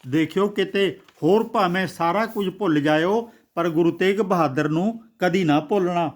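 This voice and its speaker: A man narrating a devotional audiobook story in a measured way, reciting scripture verses slowly. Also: high voice.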